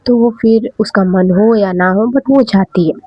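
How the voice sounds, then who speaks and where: A woman's voice: medium pitch, a little slow, no echo. A woman narrating a story in a casual, chatty way, mixing in English words. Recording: dull, dry, close recording.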